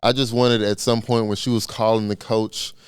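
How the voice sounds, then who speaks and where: A man co-hosting a casual comedy podcast, his voice low and smooth. He delivers jokes in a deadpan way, then breaks into bursts of laughter. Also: moderate pace. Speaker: podcast co-host.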